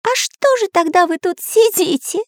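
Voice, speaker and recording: A woman's voice: very high voice, animated, moderate pace, no echo, studio quality, pitched above the performer's own voice. A woman voicing a small cheerful boy artist in a storybook reading, with an eager childlike manner. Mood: amused.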